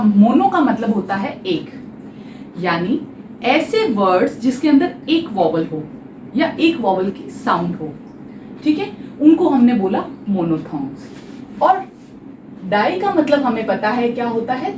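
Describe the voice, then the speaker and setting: A woman's voice: on the high side, a little mellow, slight background noise. A woman teaching a phonetics lesson for exam preparation, explaining step by step and asking her students rhetorical questions. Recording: echoey room, voice a little far from the mic.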